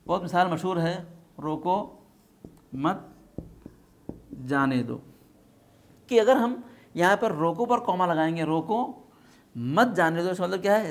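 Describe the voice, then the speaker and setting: A man with a slightly raised voice leads a religious lesson on Quran recitation. He explains each point patiently. He keeps asking his listeners questions and checking that they follow. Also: on the high side.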